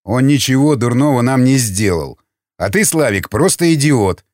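A man voicing a stern veteran commander who barks orders gruffly. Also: mid-range voice, lively intonation, normal speed, a little mellow, dry recording, lightly acted. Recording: dry studio with faint music.

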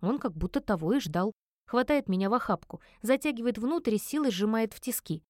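A woman's voice: on the high side, a little fast, no echo. Woman narrating a novel, dry and close. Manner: expressive, emotive storytelling. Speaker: audiobook narrator. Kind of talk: first-person audiobook narration of a romance novel.

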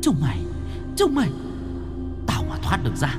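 A man voicing a vengeful female ghost bride who shrieks murderous threats in a shrill voice. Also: huge pitch swings, moderate pace, in a large hall, music in the background. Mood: shrieking fury. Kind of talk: ghost story voice acting.

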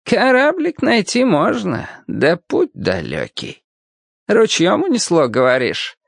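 A man's voice: sits high, wildly swooping pitch, gravelly, no room sound, clean studio sound, pitched above the performer's own voice, heavily acted. A man voicing a kindly, wry old male cobbler in a storybook reading, with a quavering, folksy, teasing way of talking. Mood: storytelling. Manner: folksy, teasing, slow and sly. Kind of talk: audiobook character voice.

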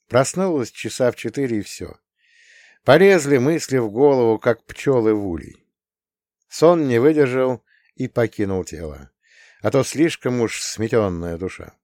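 A man narrating an audiobook with expressive storytelling. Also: mid-range voice, normal speed, no echo, clean studio sound.

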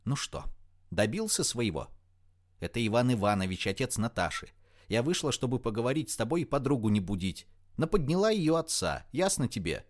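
A man voicing a quick-tempered, sarcastic young woman in an audiobook. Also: medium pitch, very animated, natural voice. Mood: furious. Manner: raised, sarcastic, snappy delivery. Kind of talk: audiobook character voice.

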